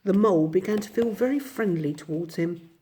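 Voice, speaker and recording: A woman reading a classic children's storybook aloud in a gentle, unhurried way. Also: on the low side, animated. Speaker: narrator.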